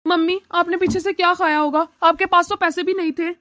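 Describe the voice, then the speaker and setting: A woman's voice: very high voice, fairly even intonation, brisk, a bit bright. A woman playing an earnest grown son in a cartoon. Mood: apologetic. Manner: earnest, outraged. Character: grown son and brother, earnest, hot-tempered then apologetic. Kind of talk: cartoon voice acting.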